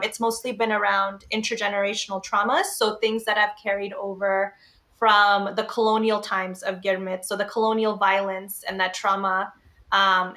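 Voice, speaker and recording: A woman's voice: medium pitch, bright, forceful tone. A young adult woman co-hosting a podcast in a casual, conversational style. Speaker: podcast co-host.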